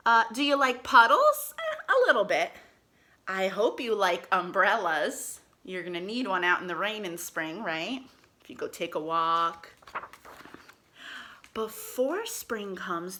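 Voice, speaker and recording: With a medium-pitched voice and a measured pace, a woman reads a story to young children as the host. She sounds expressive and sing-song, addressing the kids directly to ask questions and cheer them on.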